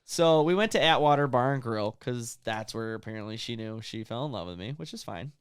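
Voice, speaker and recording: A man, co-hosting a podcast and telling a long story in a casual, animated way. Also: mid-range voice, clear, resonant tone, no room sound, clean studio sound. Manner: animated storyteller, quick bursts and drawn-out asides. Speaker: podcast co-host.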